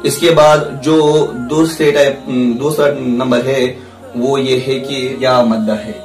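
A man teaching a recorded lesson on Quran reading rules, explaining slowly and repeating each point, drawing out example syllables. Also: medium pitch, little pitch movement, a little mellow, far from the mic, soft background music. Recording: echoey room, voice from off-mic.

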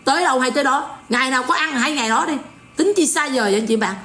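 A woman's voice: high-pitched, rapid-fire, a bit bright, echoey room. Sarcastic Southern Vietnamese woman ranting. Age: 40s. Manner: sarcastic, mocking, scolding. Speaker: online commentator. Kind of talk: ranting livestream commentary.

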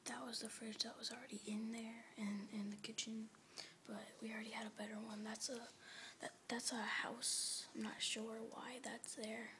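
Teen girl, hushed whispered home-tour vlog, hesitant and rambling; noisy phone recording. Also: fairly high pitch, flat delivery, normal speed. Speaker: vlogger giving a home tour. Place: house at night, family asleep.

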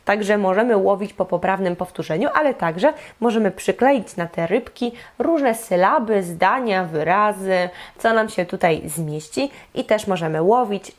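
Woman explaining speech therapy ideas. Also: mid-range voice. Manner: lively, explanatory, direct address to viewers. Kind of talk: instructional video lesson.

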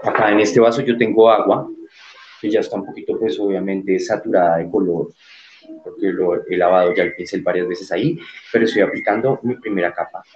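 A man's voice: sits low, steady tone, fairly quick, darkish tone, lo-fi sound, a little hiss or hum. Man teaching art online. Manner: explanatory, checks in with frequent tag questions. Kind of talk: online class demonstration.

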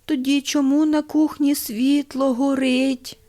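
A woman voicing a frail dying old man who speaks slowly in a weak, strained voice. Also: sits high, level tone, warm tone, pitched above the performer's own voice. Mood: weak, anxious.

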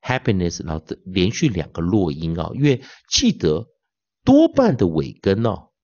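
A man teaching pronunciation in an online lecture, his low voice swooping up and down with energy. He sprinkles drawn-out filler particles between phrases and stretches demonstration words slowly. The sound is dull and lo-fi, close and dry. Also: huge pitch swings, dark tone, husky, dry recording. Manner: drawls out demo words slowly and repeatedly.

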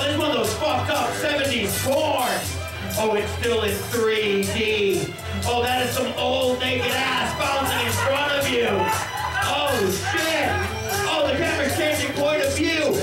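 A middle-aged man working as a stage hypnotist, giving loud, profane commands and counting up to three in a live show, holding a handheld mic on a large theater stage. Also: very high-pitched. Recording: echoey hall from far off. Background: loud music and laughing crowd.

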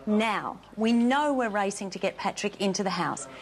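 A woman's voice: medium pitch, moderate pace. A middle-aged woman hosting a live TV show from a studio set on a lapel mic, asking playful, teasing questions. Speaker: host.

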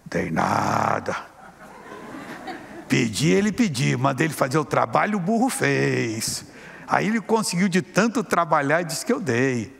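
Scornful lying demon as a man acts it out, gravelly, husky, long hall reverb. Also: on the low side, sing-song, normal speed. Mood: mocking. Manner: defiant, mocking, scornful. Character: lying boastful male demon spirit.

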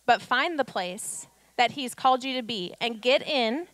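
High-voiced woman preaching a sermon. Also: expressive, unhurried, fairly bright tone. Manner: exhortative, rhetorical questions, acts out quotes. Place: church auditorium stage. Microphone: handheld mic.

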